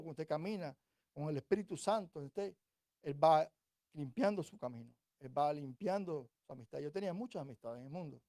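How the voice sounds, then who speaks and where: Cuban-born preacher, dark close voice. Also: male voice, on the high side, no echo. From Cuba. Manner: conversational, rhetorical "¿cierto?" checks; builds to louder, slower emphasis on scripture. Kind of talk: sermon.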